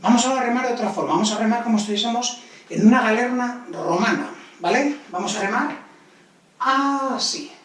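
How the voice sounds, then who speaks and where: A male fitness instructor leading a guided exercise class, counting repetitions aloud and giving brisk, encouraging cues. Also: very high-pitched, a bit bright. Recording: very echoey room, voice distant from mic.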